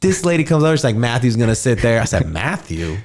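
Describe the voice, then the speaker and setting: A man's voice: mid-range voice, fast. A man in his thirties, a podcast host telling a story in casual chat and acting out the people in it with raised voices. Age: 30s. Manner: animated storyteller, acts out quotes in raised voices.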